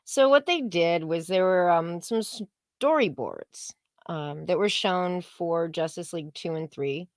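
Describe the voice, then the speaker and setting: A woman co-hosts a casual live-stream commentary show about comics, offering opinionated takes in a wry, sarcastic way and often trailing off mid-thought. Her voice is lowish and a little slow, captured as a dry, clean studio recording.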